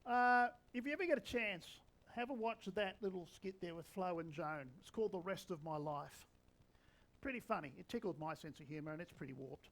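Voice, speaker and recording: A preacher in his sixties with a notably high voice delivers his sermon. He talks to the congregation in a relaxed, conversational way, slipping in dry bits of humour. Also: brisk, poor audio. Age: 60s.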